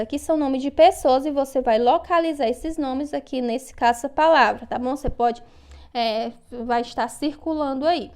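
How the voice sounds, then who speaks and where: A woman teacher patiently explaining worksheet exercises to young children, often checking in as she goes. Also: sits high. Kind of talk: online lesson walking through worksheet exercises.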